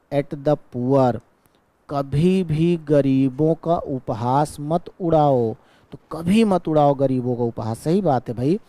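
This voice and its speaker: A male teacher, patiently explaining an exam-prep grammar lesson. He keeps checking in with his class and stretches out his English example sentences very slowly. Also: on the high side, dark tone, no echo.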